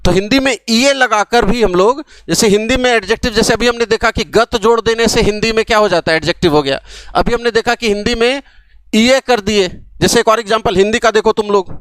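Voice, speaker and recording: A young man gives a grammar lesson straight to camera, setting up questions and answering them himself. His voice sits fairly high. The sound is dry and close, with no room echo. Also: a little fast, a bit bright, smooth. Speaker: English grammar teacher. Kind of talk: classroom lecture to camera. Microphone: camera mic, recorded for an app course.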